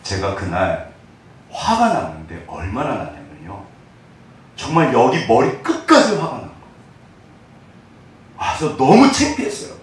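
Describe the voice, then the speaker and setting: A man in his forties preaching a sermon, telling personal stories in an animated way that swings between loud and hushed. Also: medium pitch, unhurried, pauses often. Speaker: pastor. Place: church sanctuary. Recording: echoey church hall, distant mic.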